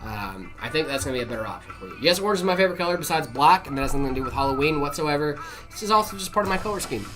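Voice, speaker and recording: A man's voice: a little high, expressive, racing, music in the background. A man from North Carolina co-hosting a live stream, chatting casually and reading viewer messages aloud while building a PC.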